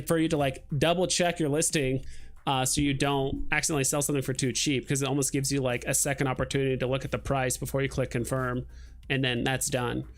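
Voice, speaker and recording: A young man hosting a casual livestream, talking in a loose, rambling way with lots of "like" and "um". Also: medium pitch. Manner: rambling, relaxed, lots of fillers like "like" and "um". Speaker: livestream host.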